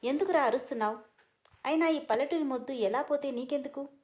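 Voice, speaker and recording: A woman's voice: high voice, fast, a little mellow, natural voice. A woman reading a story aloud, voicing a proud, hurt young woman who answers back defiantly and through tears. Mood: tearful defiance. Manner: defiant, tearful.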